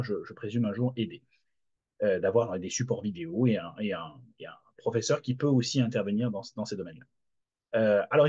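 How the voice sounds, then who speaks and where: A man's voice: fairly low pitch, darkish tone, husky. A middle-aged man, a lecturer, introducing his new channel in casual talk, hesitant with many fillers and restarts, recorded over a video call. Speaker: university lecturer launching a channel. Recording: dull lo-fi video call audio.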